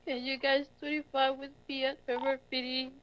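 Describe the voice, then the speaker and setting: A woman's voice: high-pitched, little pitch movement, brisk. A woman giving short check-ins over an in-game police radio. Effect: heard over an in-game police radio. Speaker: roleplayer on the radio. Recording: dull radio channel with faint static.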